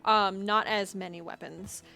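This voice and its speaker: A woman's voice: mid-range voice, fairly even intonation, unhurried, vocal fry, pushed and bright, soft background music. Chatty woman running a tabletop game. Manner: chatty, with many fillers and laughs. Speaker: game master.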